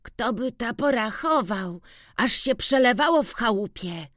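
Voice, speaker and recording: A narrator voicing an eager young village farmhand boy in a high, excited, chattering voice in an audiobook. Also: a little slow, dry recording, studio quality.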